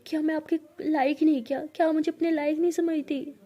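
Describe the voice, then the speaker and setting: A young woman in love begs tearfully for an answer, as a storyteller puts her on. The voice sits high and sounds mellow, pressing and emotional rather than loud. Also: level tone, a little fast, lightly acted. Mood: pleading. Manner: begging, emotional.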